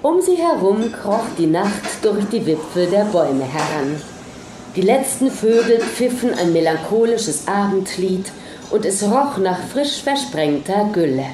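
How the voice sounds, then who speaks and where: A woman narrating a story aloud in a lively, dramatic reading manner. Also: medium pitch, reverberant, a little hiss or hum.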